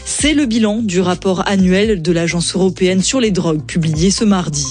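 A woman reading the radio news in a clear, measured way from a studio. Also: lowish voice, darkish tone, soft background music. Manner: clear, measured newsreader delivery. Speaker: news presenter. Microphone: studio microphone.

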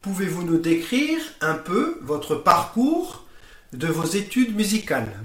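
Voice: mid-range voice, very animated, a little slow, fairly bright tone, roomy sound. A radio interviewer asking polite, formal questions.

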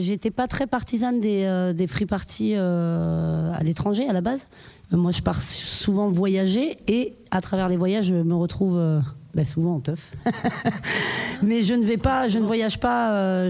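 A woman's voice: fairly low pitch, gravelly, warm tone. A woman talking in a casual group chat, hesitant, with many fillers and restarts.

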